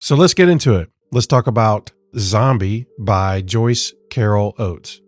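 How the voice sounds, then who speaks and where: A man hosting a book podcast in a casual, sarcastic monologue, sounding rough from being sick. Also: on the low side, unhurried. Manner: sarcastic, self-deprecating, conversational. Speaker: podcast host.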